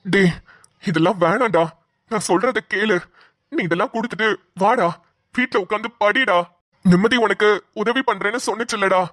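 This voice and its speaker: Stern older man, nagging, middle pitch, cartoon, a woman voicing him. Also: fairly bright tone, dry recording, studio quality, natural voice. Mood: pleading. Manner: scolding, repetitive pleading. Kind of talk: cartoon voice acting.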